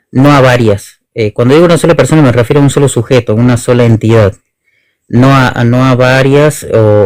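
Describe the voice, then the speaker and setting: A man speaks over an online call in a dry, close-sounding voice at a middle pitch. He explains slowly and carefully as a guest teacher, often restarting and rephrasing himself. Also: darkish tone, no room sound, low-quality recording. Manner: hesitant, many restarts and rephrasings. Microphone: online video call.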